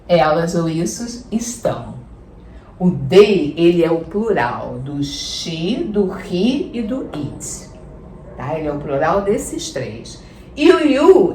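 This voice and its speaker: Woman teacher with a lively, roomy voice. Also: medium pitch, slight background noise. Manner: explains slowly, repeats examples, checks with "tá?". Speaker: English teacher. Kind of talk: language lesson. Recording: echoey room, voice a bit far from the mic.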